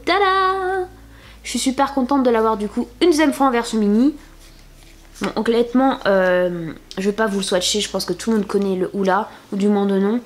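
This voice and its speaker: A woman's voice: mid-range voice, steady tone, a little fast, darkish tone. Chatty young woman showing off a haul. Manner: chatty, many fillers and restarts, playful "tada" reveals. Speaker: beauty vlogger. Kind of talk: casual haul video chat.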